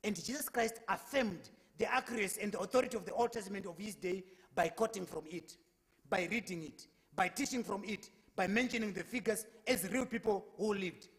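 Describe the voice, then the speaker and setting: A young man with a high, fairly bright voice speaks as a preacher in a public debate, earnestly reciting scripture at length and repeating words when restarting. He stands at a lectern microphone in a lecture hall with a brick wall behind him.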